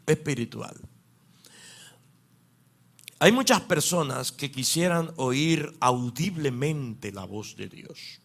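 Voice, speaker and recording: A man's voice: medium pitch, animated, slow pace, vocal fry, long pauses, a bit bright. A man preaching a sermon to a congregation, asking them questions and pushing his voice up for emphasis. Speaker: pastor.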